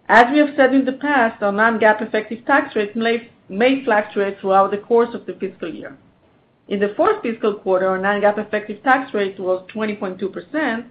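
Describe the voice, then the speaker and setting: Narrow telephone sound, faint rumble, stiff formal finance executive, mid-pitched voice, scripted earnings presentation.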